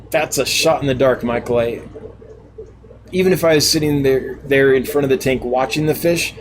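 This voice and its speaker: A man's voice: medium pitch, noisy background. A man hosting a casual live stream, reading out viewer comments and answering them in a chatty, laughing, self-deprecating way. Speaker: live stream host and fish seller.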